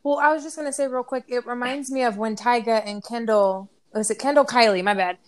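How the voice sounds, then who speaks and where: Blunt, animated woman in casual chat. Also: on the high side, a little fast. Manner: blunt, swears freely, animated.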